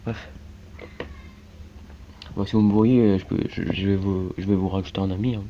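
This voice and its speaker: A man's voice: deep voice, little pitch movement, normal speed. A man from France giving casual, rambling commentary while playing a mobile game, full of fillers and repeated tags. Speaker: gaming YouTuber. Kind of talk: casual let's-play commentary. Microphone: phone screen recording mic. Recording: dull lo-fi audio with faint background hiss.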